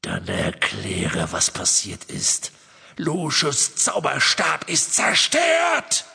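A cruel dark wizard, speaks in a gravelly, rasping voice full of cold menace. His bright, cutting tone swoops wildly up and down as he drags out each accusation. A long reverb hangs around him like he speaks from a vast stone hall. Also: on the high side, wildly swooping pitch, voice pushed up, heavily acted. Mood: menacing. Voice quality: gravelly, raspy, hissing menace. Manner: slow, cold, interrogating.

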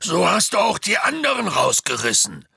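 A man voicing a huge, clumsy half-giant man who calls out loudly and strains his voice to coax and scold, in an audiobook. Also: low-pitched, measured pace, vocal fry, slightly rough, no echo, studio quality, voice pushed down, exaggerated voice. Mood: calling, coaxing. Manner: loud, strained calling out, pleading and scolding.

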